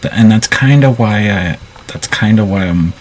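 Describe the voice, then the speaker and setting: A man casually narrating his moves in a role-play, often halting and restarting his sentences. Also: on the low side, darkish tone, slight background noise, low-quality recording.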